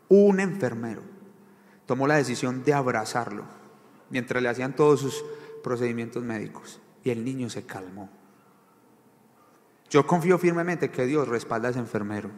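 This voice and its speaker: A male pastor giving a sermon, asking the congregation questions and repeating key phrases for emphasis. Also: mid-range voice. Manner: preaching with rhetorical questions and repetition. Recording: long reverb of a large hall.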